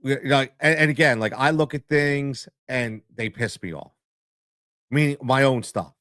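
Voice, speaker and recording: A middle-aged man with a Philadelphia accent hosting a live stream, talking in an animated, repetitive way full of stammered restarts. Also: mid-range voice, measured pace, no echo, clean studio sound. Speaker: show host.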